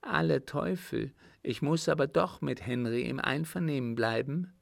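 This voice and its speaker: A man's voice: mid-range voice, normal speed, gravelly, no room sound, studio quality, voice pushed up. A man putting on an indignant, flustered count. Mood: surprised. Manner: raised, incredulous questioning.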